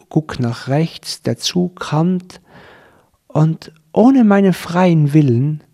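A man from Austria earnestly recounting a personal experience, slowing down and reflecting at tense moments. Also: medium pitch, a little mellow, slightly rough. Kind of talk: personal testimony, storytelling.

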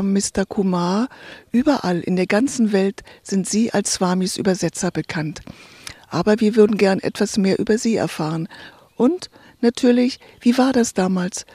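A radio host reading an earnest, scripted narration in a soft voice. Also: mid-range voice, breathy edge, dry recording.

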